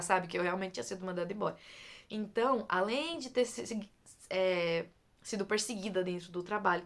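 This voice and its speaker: A young woman from Brazil telling a personal story in a casual, lively way, repeating words for emphasis and talking straight to her listeners. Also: mid-range voice, gravelly.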